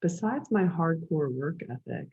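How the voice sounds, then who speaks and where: A woman's voice: sits low, animated, unhurried, gravelly, dark tone, husky, dull audio. A woman with a light Philadelphia accent, reading her own memoir aloud with conversational asides.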